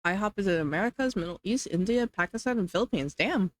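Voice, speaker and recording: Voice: mid-range voice, animated, fast, no room sound. Chatty streamer, dry close sound. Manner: rambling, hedging with many "like"s, reading chat aloud. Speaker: livestreamer. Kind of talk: casual stream chat while eating.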